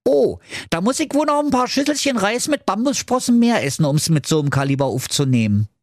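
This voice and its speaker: A man's voice: high-pitched, very animated, a little fast, dry recording, studio quality, pitched above the performer's own voice. A man voicing a hot-tempered ninja with a strong Berlin accent, brash and insulting. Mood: boastful.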